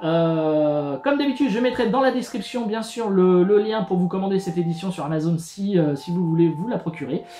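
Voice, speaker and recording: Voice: medium pitch, lively intonation, fairly quick, few pauses, mellow, slight background noise. A YouTube host in a casual unboxing vlog, chatty and hesitant, with many fillers and restarts, narrating each step while handling the box. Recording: echoey room with faint music.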